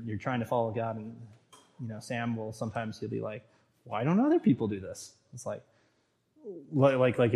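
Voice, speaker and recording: A man in his thirties giving an informal sermon, talking in a halting way with many fillers and restarts, and reading scripture aloud at length. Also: medium pitch, darkish tone. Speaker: Bible study leader.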